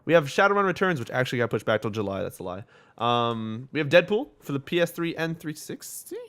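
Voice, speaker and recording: A man's voice: medium pitch, very animated, fast talker, fairly bright tone. A man hosting a casual gaming podcast, reading out news in a rambling, swear-filled way and stumbling over game names.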